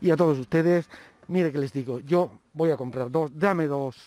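A man's voice: a little high, moderate pace, mellow. A man interviewing a guest for local television, speaking formally in long, winding sentences. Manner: formal, long-winded phrasing.

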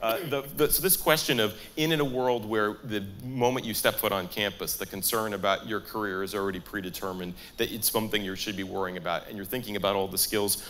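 A man's voice: lowish voice, steady tone, a little fast, few pauses, fairly bright tone, slight background noise. A middle-aged man moderating a panel discussion on stage, talking conversationally and reflectively. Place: large atrium stage with audience.

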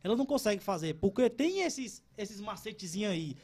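Man, thirties, high voice, casual interview talk, stumbling restarts. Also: expressive, fairly quick, a little mellow, breathy edge. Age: 30s. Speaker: cordel poet guest.

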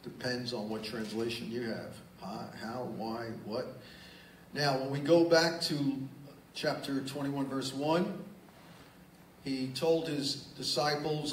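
A man's voice: medium pitch, fairly even intonation, a little slow, slight background noise. A man preaching a sermon as pastor, reading scripture aloud and then explaining it in plain, emphatic asides. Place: church sanctuary. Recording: roomy church sound, distant mic, faint ambience.

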